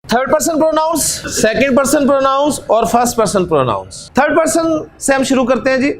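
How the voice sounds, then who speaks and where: High-voiced Pakistani teacher, slow and clear. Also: male voice, very animated. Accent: Pakistani Urdu. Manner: slow, drawn-out recitation of word forms. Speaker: Arabic grammar teacher. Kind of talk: classroom lecture.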